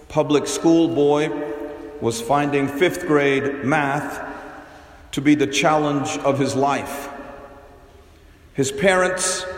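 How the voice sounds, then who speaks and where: Man, priest, slow measured homily, somewhat high voice, long cathedral echo, roomy church sound. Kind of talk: gospel reading and homily. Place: large reverberant church.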